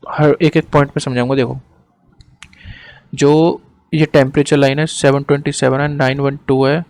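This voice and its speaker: A male tutor talks through an on-screen diagram in a relaxed, chatty way. He slows right down to dictate definitions word by word, then speeds up to explain in between, with a middle-pitched voice. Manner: casual, apologizes for hesitating. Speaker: teacher. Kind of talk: lecturing over a screen diagram.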